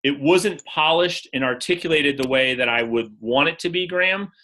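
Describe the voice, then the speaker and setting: Guy coaching agents on a video call, bright punchy voice, talks fast and direct. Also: a little high, poor audio. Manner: energetic, direct, role-plays sales scripts. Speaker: real estate coach.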